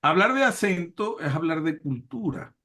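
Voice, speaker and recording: A man's voice: fairly high pitch, very animated, moderate pace, pushed and bright. A male show host who reflects aloud and builds his point through repeated phrases. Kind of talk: reflective commentary.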